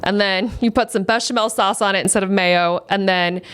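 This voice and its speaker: Woman in her 40s chatting on a show, animated, laughs a lot, mid-pitched. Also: a little fast, clean tone. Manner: animated, laughs often, acts out quotes. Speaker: guest, food stylist. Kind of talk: casual storytelling interview.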